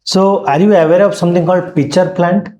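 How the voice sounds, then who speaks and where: Higher-voiced Indian male interviewer, echoey room. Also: steady tone, quick pace, warm tone. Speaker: interview panelist. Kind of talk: formal questioning.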